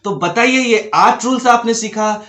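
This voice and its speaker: A man's voice: very high-pitched, unhurried, fairly bright tone, reverberant. A man teaching an English pronunciation lesson, explaining step by step and asking his students direct questions.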